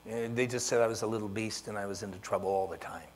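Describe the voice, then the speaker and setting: A middle-aged man preaching a sermon as pastor, telling stories with animated acted-out dialogue. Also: fairly low pitch, quick pace, slight background noise. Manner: animated storyteller who acts out dialogue.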